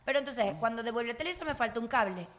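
A woman co-hosting a podcast, telling stories in a lively, casual way and acting out the people in them. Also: a little high, rapid-fire, a crowd in the background. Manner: animated, acts out the people in her stories. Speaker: podcast co-host. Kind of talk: casual chat, storytelling.

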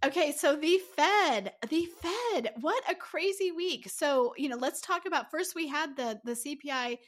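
Woman host on a podcast, fairly high voice, friendly teasing tone. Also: lively intonation, measured pace. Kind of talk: casual podcast chat.

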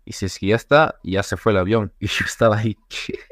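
A man's voice: fairly low pitch, brisk, no room sound, clean studio sound. A young man from Bolivia, a travel YouTuber, chatting as a podcast guest and acting out quotes as he laughs through his stories. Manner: animated storyteller, acts out quotes, laughs often. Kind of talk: casual podcast interview.

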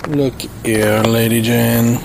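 Pompous aristocrat hunter. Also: male voice, mid-range voice, steady tone, slow pace, background noise. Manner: pompous, theatrical.

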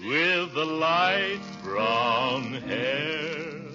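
An American actor playing a pompous middle-aged gentleman who talks theatrically and croons in a 1940s radio comedy. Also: fairly high pitch, animated, drawn-out words, over music. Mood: sentimental. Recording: muffled vintage 1940s radio recording. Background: loud musical accompaniment.

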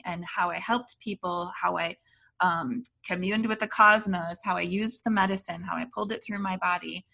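Bright, gravelly woman telling a story. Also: medium pitch. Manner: animated, rambling with fillers like "like". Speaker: guest telling a spiritual story. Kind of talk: casual storytelling.

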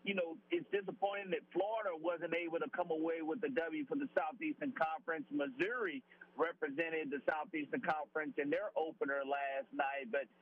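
A man's voice: on the high side, fairly even intonation, a little fast. A man calling in from his car to make confident sports picks, his voice tinny and tin-can-like over a phone line. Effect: tinny tin-can sound over a phone line. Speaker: sports radio co-host. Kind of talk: sports radio prediction segment.

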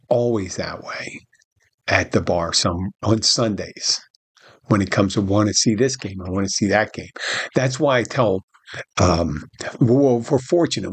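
A middle-aged man with a fairly low, husky voice hosts a podcast, heard in a dry recording. In a casual storytelling monologue, he rambles through a tale about his bartending shift, animatedly acting out quoted dialogue and restarting as he goes.

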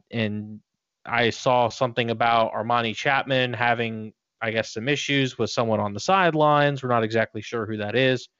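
A man with a clear, smooth voice and medium pitch chats casually about sports as a podcast co-host. The sound is dry and slightly dull. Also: a bit bright, no echo.

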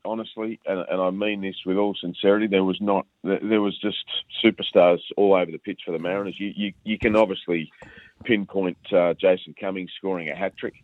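A man's voice: sits low, fairly even intonation, brisk, dry recording. A man talking over the phone as a football analyst, in casual chat, hesitant with lots of uh and um and repeated words. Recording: tinny phone line, dry.

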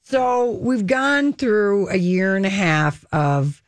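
A woman's voice: medium pitch, lively intonation, slow, no room sound, clean studio sound. A middle-aged woman chatting casually as a talk show host, giving relationship advice in a candid, bawdy, joking way.

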